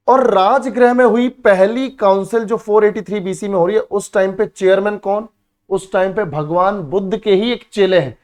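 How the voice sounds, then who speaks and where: Standing at a board, a man with a high, darkish voice teaches history for an exam, drilling key words through repetition. He calls his students beta and bhai and poses questions he then answers himself.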